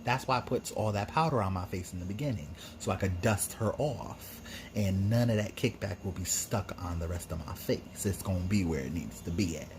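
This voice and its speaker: A man's voice: low voice, lively intonation, normal speed, background noise. A man talking through a makeup tutorial as host in a sassy, campy drag queen manner, chatty and slangy. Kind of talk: casual makeup tutorial commentary with chatty asides.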